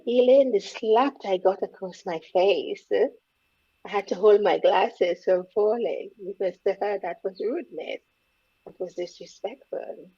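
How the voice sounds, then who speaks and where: A woman in her fifties, Grenadian-born and Trinidad-raised, speaks in a gravelly, husky, rather low and mellow voice. As a guest empowerment coach in a candid interview, she reflects openly on hard memories. The lo-fi audio sounds dull.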